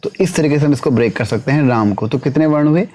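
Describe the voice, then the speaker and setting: This man, whose pitch sits fairly high and whose tone is dark, leads an exam-prep lesson. He poses questions to the class, supplies the answers himself, and keeps tacking on a quick tag question.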